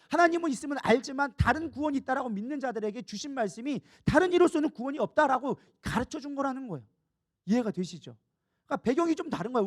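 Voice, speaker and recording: A male pastor delivering a sermon in a high, quick voice. He teaches conversationally, stopping often to ask the congregation rhetorical questions and check that they follow.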